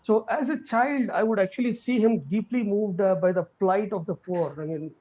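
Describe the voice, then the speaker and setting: Rich: A middle-aged man speaks quickly over a video call, his mellow voice coming through dull and lo-fi. He talks earnestly with plenty of fillers and restarts, like a guest lecturer. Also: high-pitched. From India. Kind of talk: online lecture.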